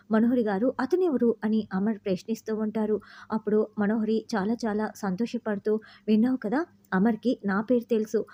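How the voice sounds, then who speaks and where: A woman's voice: on the high side, warm tone, dull audio. A woman narrating a TV serial episode in a scripted retelling, reading each character's lines herself. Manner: reads all parts in quoted dialogue, lightly voicing each.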